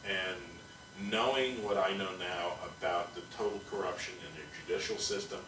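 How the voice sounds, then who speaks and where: A man's voice: deep voice, steady tone, normal speed, a bit bright, roomy sound, far from the mic, faint music behind, poor audio. A man hosting a podcast in casual chat, talking bluntly and profanely in a ranting way. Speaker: podcast host.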